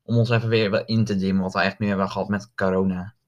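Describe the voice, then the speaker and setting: Halting young man, low voice. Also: level tone, highs cut off. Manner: halting, many fillers and restarts. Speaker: podcast co-host. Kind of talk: casual chat.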